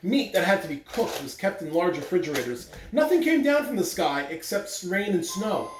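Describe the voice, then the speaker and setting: For schoolchildren on the morning announcements, a staff member reads a picture book aloud expressively, leaning on deliberate, animated emphasis. His high-pitched voice is far from the microphone in an echoey room, with faint noise underneath.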